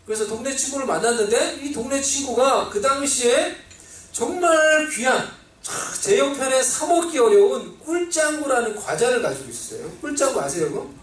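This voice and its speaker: A man preaching a sermon as pastor, telling a childhood story in an animated way and acting out the voices he quotes, with a Seoul Korean accent. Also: very high voice, a little fast, hardly any pauses. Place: church sanctuary. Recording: roomy, distant church recording with faint ambience.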